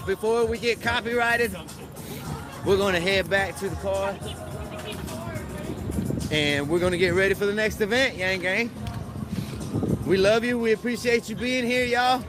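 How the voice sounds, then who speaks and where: A high-voiced Southern man hosts a live stream outdoors at a rally, hyped and friendly as he calls out to his viewers. A crowd chatters around him with music playing nearby. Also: a little slow, pauses often. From North Carolina. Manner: friendly hype, says y'all and gang gang. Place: outdoors at a rally, near traffic.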